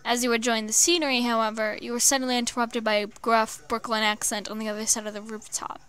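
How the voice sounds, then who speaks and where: A woman reading fan fiction aloud, halting with many stumbles and restarts. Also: on the high side, little pitch movement, fairly bright tone, clean tone. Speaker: storyteller.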